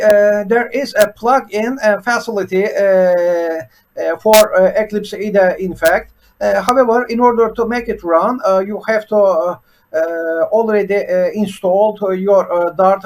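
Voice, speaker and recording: In an unscripted screen-share presentation, a high-pitched man from Turkey teaches programming, speaking with a Turkish accent as a native Turkish speaker. The channel host halts constantly, dropping "uh" between nearly every few words.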